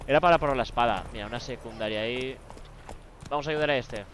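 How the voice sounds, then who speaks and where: A man's voice: medium pitch, quick pace, a bit bright, a little hiss or hum. A young man with a Spain accent, giving slangy, jokey commentary while playing a game. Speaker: streamer. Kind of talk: casual let's play commentary. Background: game music.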